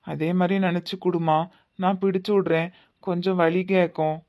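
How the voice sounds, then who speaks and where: A woman voicing a kindly widowed father-in-law who speaks gently and coaxingly, in a Tirunelveli Tamil accent. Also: fairly low pitch, steady tone, moderate pace, natural voice. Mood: gentle, coaxing. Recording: slightly muffled lo-fi audio.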